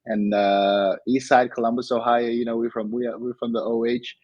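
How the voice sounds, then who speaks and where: A man's voice: medium pitch, moderate pace, no room sound, dull audio. A man from Nigeria, an interview guest, telling his life story in a reflective, casual way with frequent restarts. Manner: reflective, frequent restarts, animated when recounting. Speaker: interview guest, digital entrepreneur.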